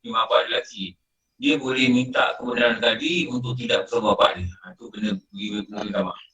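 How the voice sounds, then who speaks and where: A middle-aged man with a Malaysian Malay accent, a religious teacher, gives an informal, conversational lecture, telling stories with plenty of repetition. His voice is medium-pitched, quick and sharp, recorded with a roomy sound from a distance.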